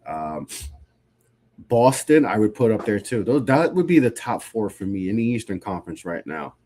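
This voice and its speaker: A man in his thirties, his low voice sing-song and mellow at normal speed, hosts a casual live-stream sports talk show as a podcast host, with slight background noise. He sounds stuffy from a cold and talks loosely and conversationally, restarting often.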